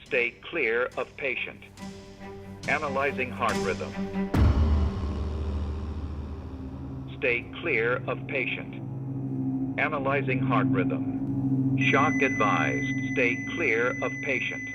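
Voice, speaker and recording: Guy doing a defibrillator voice prompt, calm automated machine, slow clipped impersonal male voice giving steps. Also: medium pitch, loud music behind the voice, natural voice. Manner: measured, impersonal, clipped instructions.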